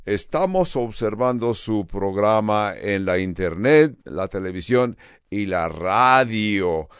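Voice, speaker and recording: Older pastor preaching in a slow, clear voice. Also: male voice, medium pitch, dry recording, clean studio sound. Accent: Californian. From United States. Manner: earnest, steady preaching with pauses and repeated phrases. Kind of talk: sermon.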